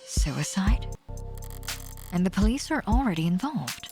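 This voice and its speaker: A woman playing a cool, guarded young woman who talks in a dry, flat way. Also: medium pitch, unhurried. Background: game music.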